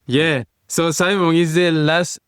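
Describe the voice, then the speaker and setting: A man from Mexico co-hosting a podcast in a relaxed, friendly way. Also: on the high side, unhurried, clear, resonant tone, no room sound, studio quality. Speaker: podcast co-host. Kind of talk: casual podcast chat.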